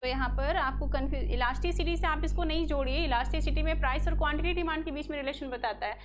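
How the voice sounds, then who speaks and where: Woman lecturer, high-pitched and forceful, quizzing her class, with music underneath. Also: quick pace. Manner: loud, emphatic, often asks the class questions and answers them. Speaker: economics teacher. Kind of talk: online exam-prep lecture.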